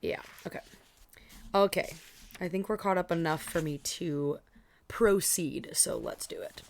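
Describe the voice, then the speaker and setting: Her voice lowish and creaky, a young woman keeps an animated but measured pace while streaming a read-along. She chats casually to her live audience, full of fillers and asides, sounding tired and a bit scratchy.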